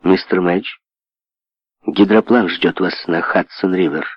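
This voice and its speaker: A man reading a brisk, formal male secretary. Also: sits low, fairly even intonation, no echo. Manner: formal, matter-of-fact. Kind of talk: audiobook character voice. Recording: dull lo-fi audio.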